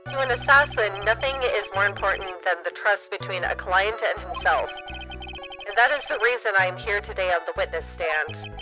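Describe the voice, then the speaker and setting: A chilly, unhurried male assassin, as a woman puts him on through a voice changer, speaking with quiet menace and precise, deliberate phrasing. Music plays clearly behind him. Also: mid-range voice, low-quality recording. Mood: cold. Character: cold calm male assassin on a radio.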